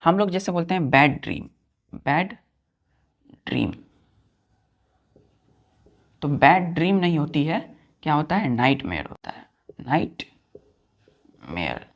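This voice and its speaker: A man's voice: a little high, expressive, a little fast. A man teaching an online grammar lesson as a patient teacher who repeats key points and keeps checking that students follow. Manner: mixes English words into Hindi explanation; patient and repetitive.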